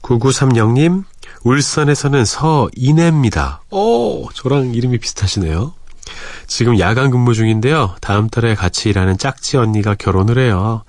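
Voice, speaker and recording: A man in his forties hosting a late-night radio show, chatting easily and reading listener messages with soft breathy asides. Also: medium pitch, animated, moderate pace, no room sound. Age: 40s. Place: radio studio. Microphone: close studio microphone.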